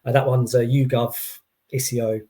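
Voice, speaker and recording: A man's voice: mid-range voice, level tone, moderate pace, dark tone. A man giving an informal expert explanation, hesitant, often restarting and qualifying his points. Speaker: employee engagement consultant as guest.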